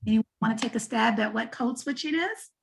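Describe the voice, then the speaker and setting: A woman's voice: a little high, brisk, vocal fry, slight background noise. A woman moderating a panel, attentive and affirming as she reads out questions.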